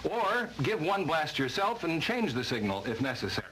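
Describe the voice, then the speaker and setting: A man's voice: a little high, very animated, moderate pace, fairly bright tone. An American man narrating a vintage 1950s-style instructional film from a script, with a formal, emphatic delivery. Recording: noisy vintage training film soundtrack.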